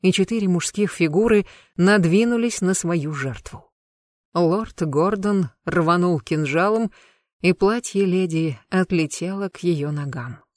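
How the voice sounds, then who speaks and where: Measured audiobook reader, dry sound. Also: mid-range voice, no room sound. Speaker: audiobook narrator. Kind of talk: dark fantasy audiobook narration.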